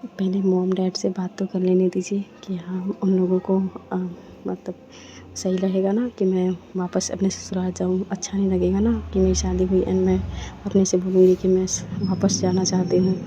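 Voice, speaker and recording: A woman voicing a teasing, sensible young bride in a told story, gently scolding. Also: fairly low pitch, monotone, normal speed, lightly acted. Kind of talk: storytelling with voiced dialogue. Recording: dull lo-fi, faint noise.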